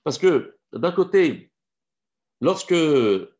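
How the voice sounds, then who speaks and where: A man teaching a Torah lesson, telling a story in an animated way with many hesitations. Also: a little high, slow. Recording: dull lo-fi recording.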